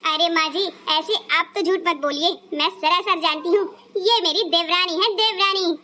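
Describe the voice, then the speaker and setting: A sharp-tongued elder daughter-in-law from a cartoon, voiced by a woman. Her voice is high and bright. She speaks with constant sarcasm and accusation. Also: moderate pace. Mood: accusing. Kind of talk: Hindi cartoon dubbing.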